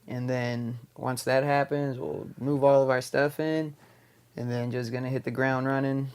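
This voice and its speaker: A man's voice: mid-range voice, flat delivery, unhurried, a little mellow, smooth. A man from West Virginia talking casually about his own plans. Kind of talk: casual chat.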